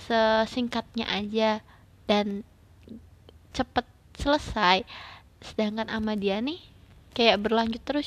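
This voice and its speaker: A young woman rambles reflectively in informal slang, as the host of a casual personal podcast. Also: on the high side. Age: young adult. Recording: noticeable background noise.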